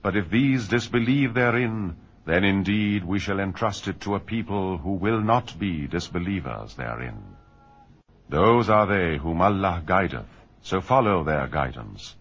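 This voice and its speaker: A man reading a scripture translation aloud in a measured, solemn way. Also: sits low, lively intonation, fairly bright tone, breathy edge, dull audio. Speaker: reader.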